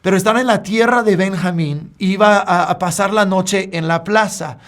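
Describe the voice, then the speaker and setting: A man preaching a sermon as a pastor, earnest and deliberate, speaking straight to his listener. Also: high voice, a bit bright.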